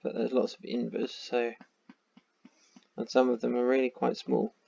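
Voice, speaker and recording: A man's voice: medium pitch, monotone, normal speed, gravelly, dark tone, slightly rough, no room sound. A man with a tired voice, thinking aloud in casual commentary while playing a map game. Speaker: game streamer. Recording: dull lo-fi sound.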